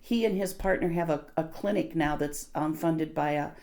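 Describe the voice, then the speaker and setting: A woman's voice: sits low, normal speed, a little mellow. An American woman telling stories in casual conversation, earnest and emphatic. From United States.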